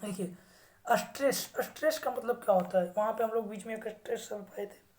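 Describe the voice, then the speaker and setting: A woman teaching English vocabulary who reads English sentences slowly with an Indian accent and then explains them in Hindi. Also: a little high, a little mellow. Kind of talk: slow English vocabulary lesson.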